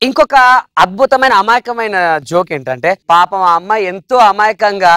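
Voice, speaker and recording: A man doing stand-up comedy on a studio stage, telling jokes in quick runs and slipping into quoted voices. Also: high voice, animated, music in the background. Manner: rapid storytelling, switches into quoted voices.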